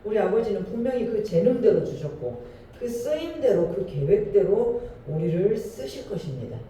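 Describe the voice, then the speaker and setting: A male pastor preaches in a church hall, heard from a distance with heavy echo. His voice is very dark and mellow, and he drives his points home with emphatic rhetorical questions to the congregation. A faint hum of noise sits underneath. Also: sits high, sing-song, moderate pace. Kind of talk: sermon. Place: church sanctuary. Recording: echoey hall from far off.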